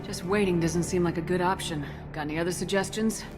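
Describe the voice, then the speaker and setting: An actress playing a tough, no-nonsense military commander in a sci-fi video game, speaking firmly and asking direct questions. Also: female voice, fairly low pitch, quick pace, over music, lightly acted. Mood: firm, businesslike.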